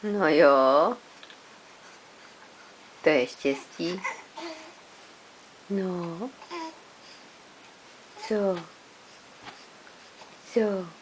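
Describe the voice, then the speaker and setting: A woman's voice: on the low side, pauses often, slight background noise. A woman talking baby talk to an infant, coaxing him with sing-song questions.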